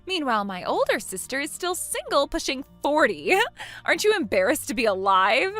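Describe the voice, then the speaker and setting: A woman's voice: high-pitched, sing-song, normal speed, fairly bright tone, faint music behind. A woman in her twenties voicing a smug, spiteful younger sister who mocks and laughs at others, in a voiced text-message story. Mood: mocking. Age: 20s.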